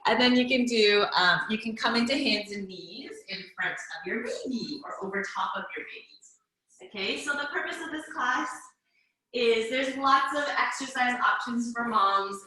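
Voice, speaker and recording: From a very echoey home workout space, a Canadian woman cues a virtual mom-and-baby exercise class over video call, chatty and encouraging. Her voice is a little high, bright and forceful.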